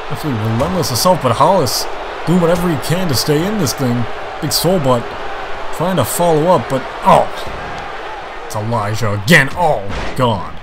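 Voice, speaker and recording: A man's voice: fairly high pitch, lively intonation, normal speed. Exclamatory male wrestling commentator, noisy background. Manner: exclamatory, dramatic, emphatic reactions. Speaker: professional wrestling play-by-play commentator.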